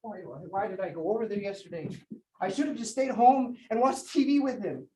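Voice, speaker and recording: In a stage play, an actor voices a shaken young man who stammers while retelling a violent fight, sounding bitter and guilty. His voice is high, brisk, warm and natural. The recording is roomy, with the mic set at a distance.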